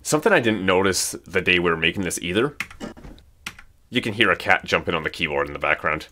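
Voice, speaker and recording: A man's voice: low voice, expressive, quick pace, bright, forceful tone, a little hiss or hum. A man giving casual commentary on his own music project, rambling with many restarts and hesitations. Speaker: music creator.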